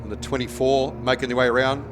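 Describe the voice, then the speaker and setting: A man's voice: medium pitch, level tone, fast talker, background noise. A man with a New Zealand accent giving casual live commentary as a speedway track announcer.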